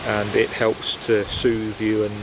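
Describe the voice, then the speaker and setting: Speaking slowly in a lowish, monotone voice, a man reflects casually while smoking a pipe for his vlog in the woods. His talk is hesitant and meandering. Wind and rustling leaves are audible, and the basic equipment picks up the outdoor wind noise.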